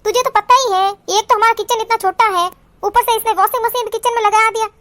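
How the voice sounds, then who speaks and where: A woman voicing a quarrelsome, sharp-tongued young sister-in-law who scolds and insults in a cartoon. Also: very high-pitched, steady tone, fairly quick, no room sound. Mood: ranting. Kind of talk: cartoon voice acting.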